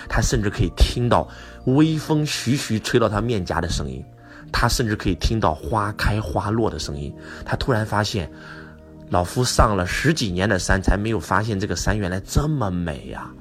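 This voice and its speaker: Man lecturing an audience, keeps throwing questions at them, lively up-and-down delivery, low-ish voice. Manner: animated, asks the audience rhetorical questions. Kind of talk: motivational lecture.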